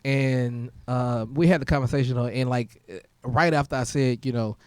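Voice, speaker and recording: Animated, restarting man host. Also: medium pitch, moderate pace, clean tone, dry recording, studio quality. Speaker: podcast host. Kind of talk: casual chat.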